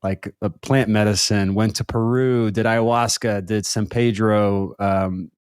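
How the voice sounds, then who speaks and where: A man's lowish, darkish, clean voice moves unhurriedly with fairly even intonation. He's a podcast host in his thirties from a Brazilian family background, rambling casually through an interview with fillers and repeated words. The studio-quality recording has no room sound.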